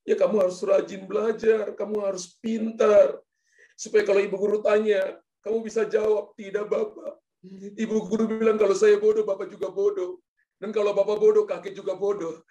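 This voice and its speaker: A man's voice: high-pitched, level tone, moderate pace, dark tone, muffled recording, voice pushed up. A pastor voicing an indignant father who lectures his son and challenges the teacher, in a sermon story. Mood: lecturing.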